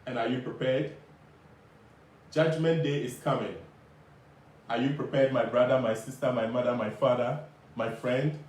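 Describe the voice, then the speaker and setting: A man singing a solemn, repetitive gospel warning in drawn-out phrases. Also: mid-range voice, steady tone, darkish tone. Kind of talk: slow sung gospel refrain about judgment. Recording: very echoey, distant mic, faint noise.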